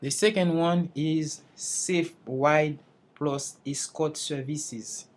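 Fairly high in pitch and a little mellow, this voice belongs to a young Haitian man studying English. He carefully presents to his class over slides, restarting phrases as he searches for words.

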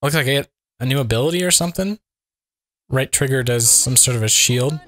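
A man hosting a casual gameplay commentary while sick, his voice still not fully recovered, reacting excitably with frequent exclamations. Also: medium pitch, brisk, dry recording. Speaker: let's play host.

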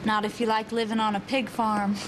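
Actress as a guarded young woman, highish voice. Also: flat delivery, brisk, lightly acted. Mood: guarded, dry. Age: young adult. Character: guarded, dry college-bound young woman from a farm. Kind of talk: naturalistic TV film acting. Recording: noisy film soundtrack with terminal ambience.

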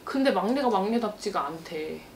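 A woman's voice: mid-range voice, expressive, moderate pace, distant mic. A woman fortune teller giving a reading, talking bluntly and mixing casual and polite speech as she relays what the spirits tell her. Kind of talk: fortune-telling consultation. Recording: echoey room with faint noise.

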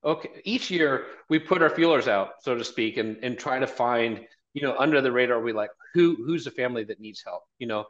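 With hardly any pauses, this mid-range, fairly bright voice moves fairly quickly. The speaker, a man in his fifties who is a college marketing director and event organizer, earnestly repeats phrases as a guest on a casual video-call interview from a small office, with dull, lo-fi call sound.

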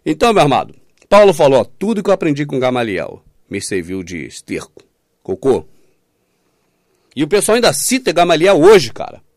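Man, informal online sermon, sarcastic, swings between loud and hushed, higher-pitched voice. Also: huge pitch swings, moderate pace, no echo, studio quality. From Minas Gerais, Brazil. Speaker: preacher.

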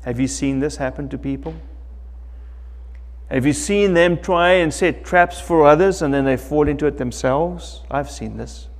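Slow, emphatic middle-aged male pastor preaching. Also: fairly high pitch, long reverb tail. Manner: slow, emphatic preaching with wide swings in loudness. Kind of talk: sermon. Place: church sanctuary, indoors, preaching at a lectern.

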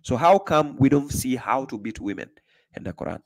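A man's voice: mid-range voice, very animated, fairly quick, gravelly. Male stream host, pushy questioner, plain mid-range voice, home desk setup. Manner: pressing, questioning, repeats himself. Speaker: livestream host. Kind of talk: live call-in debate. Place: small room indoors.

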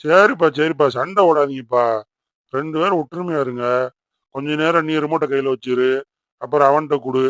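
A man voicing a mild father in a cartoon who calmly settles his children's quarrels. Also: fairly high pitch, a little fast, no echo, close to an everyday voice. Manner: calm, placating. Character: mild-mannered father, peacemaker. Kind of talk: Tamil cartoon voice acting.

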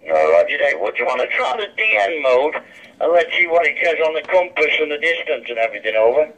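This ham radio operator sounds a little high and a bit bright, talking fast with big swings in pitch. He keeps the casual two-way chat blunt and informal, and it comes through a dull digital handheld radio speaker.

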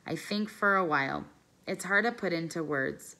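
A woman calmly reading a children's novel aloud, careful and measured as a teacher. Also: fairly low pitch, creaky. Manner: calm, careful storytelling, pausing over phrases.

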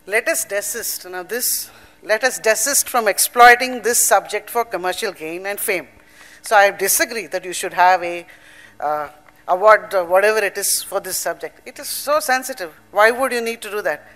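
Speaking on a panel at a public event, an older woman with an Indian English accent uses a mid-range, slightly bright voice at a moderate pace. Her delivery is earnest and emphatic, mixing strong points with personal anecdotes and asides.

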